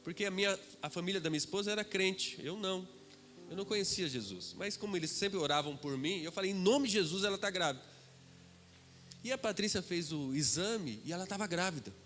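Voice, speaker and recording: A middle-aged man with a Brazilian accent, a guest preacher telling a dramatic testimony that swings between loud and hushed. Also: sits high, expressive, fast, a little hiss or hum. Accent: Brazilian Portuguese. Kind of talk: testimony sermon. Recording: reverberant hall with music behind.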